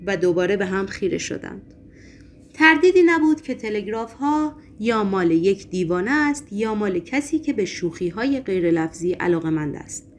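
A woman's voice: mid-range voice, animated. Woman narrating a novel. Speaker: audiobook narrator.

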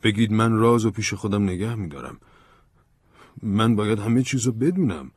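A man playing an earnest, persistent investigator who presses and persuades, in a low, husky voice. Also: animated, no echo, studio quality. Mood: urgent. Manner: insistent, persuasive. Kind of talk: audiobook drama reading.

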